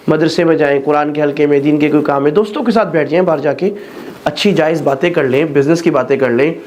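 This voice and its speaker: Man, preacher, earnest sermon, slightly high voice, mixes in English, faint background hiss. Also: darkish tone, lo-fi sound. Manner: mixes English phrases into Urdu, earnest exhorting. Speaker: mufti preacher.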